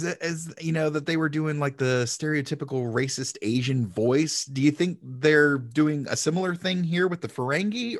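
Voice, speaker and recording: A man's voice: mid-range voice, no echo, studio quality. A man hosting a podcast, chatting casually and recapping an episode in a loose, jokey way. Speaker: podcast host.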